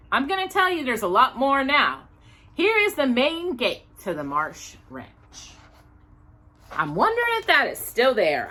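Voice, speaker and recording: A woman from Texas hosts a storytime read-aloud show, reading a children's picture book with chatty asides. Her high, animated voice sounds conversational and curious, as though she is musing aloud.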